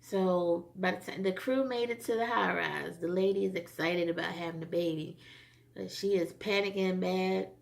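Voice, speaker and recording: A woman with a low, gravelly voice recapping a TV episode in a loose, rambling way. She talks casually and leans on frequent fillers as she works through what happened. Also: steady tone, moderate pace. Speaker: TV episode reviewer.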